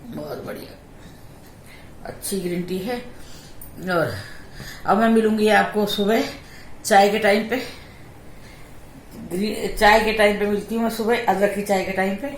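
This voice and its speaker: A woman's voice: mid-range voice, steady tone, normal speed, pauses often, reverberant, a little hiss or hum. A young adult woman vlogger telling a personal story in a chatty, repetitive way. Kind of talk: casual storytelling.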